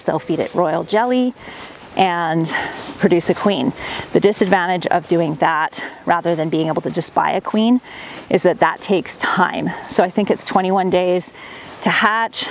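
With a voice on the low side and a little hiss or hum in the recording, a farm vlogger in her thirties gives casual how-to narration. She describes her gardening and beekeeping as she goes, shot close on a handheld camera in a plastic greenhouse and an outdoor farmyard.

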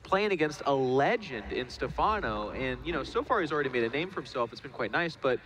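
A man's voice: medium pitch, lively intonation, fairly quick, noisy background. A man giving live analysis of a video game match, easygoing and joking as he explains the players' choices. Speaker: esports caster.

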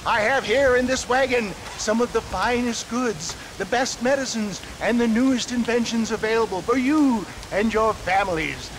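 A man's voice: very high-pitched, normal speed, hardly any pauses, background noise. A man voicing a grandiloquent, crafty older snake-oil salesman in a Western video game, with florid showman's patter. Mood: showy sales pitch. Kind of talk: theatrical Western game acting.

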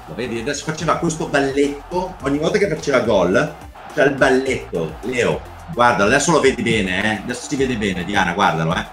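Animated middle-aged Italian man hosting, music behind. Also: medium pitch, fairly quick. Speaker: host commenting on football highlights. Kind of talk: casual chat and informal match commentary. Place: home room, video call. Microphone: computer microphone on a video call.

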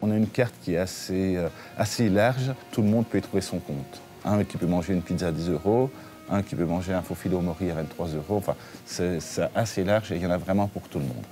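A man in his forties, a restaurant owner, talking in an interview in a relaxed, chatty way, with fillers and restarts. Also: low-pitched, brisk, faint music behind. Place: his restaurant dining room.

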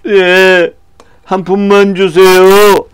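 Man doing a high-pitched pleading blind beggar. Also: little pitch movement, extremely slow, smooth. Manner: cries out desperately, voice strained high. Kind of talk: children's puppet show.

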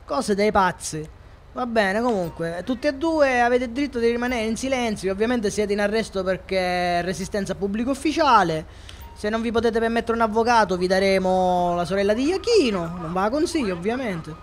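A Sicilian-accented man from Catania, a gaming streamer, jokes and chats with his viewers while playing a police game live. His high voice is animated and fairly quick, with slight background noise in the recording.

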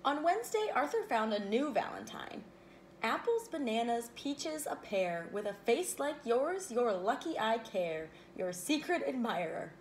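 A woman reading a children's picture book aloud, expressive, breaking off for playful asides to her listeners. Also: fairly high pitch, measured pace, a little hiss or hum. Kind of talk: read-aloud storytelling.

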